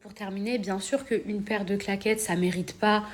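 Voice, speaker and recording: A woman's voice: medium pitch, steady tone, normal speed. Young woman, influencer, casual monologue to camera; emphatic and indignant, repeats words for stress, flares into heated peaks. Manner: rising to heated outbursts. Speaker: influencer addressing her followers.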